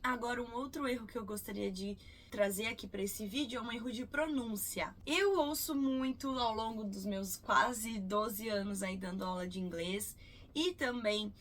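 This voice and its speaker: A Brazilian woman in her thirties teaching English in a casual video, patiently repeating example words slowly. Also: a little high, a bit bright, a little hiss or hum. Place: cruise ship.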